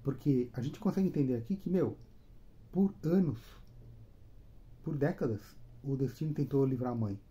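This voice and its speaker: A man casually retelling a comic book story, chatty and animated, tagging his sentences with questions. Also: medium pitch, normal speed, pauses often, husky.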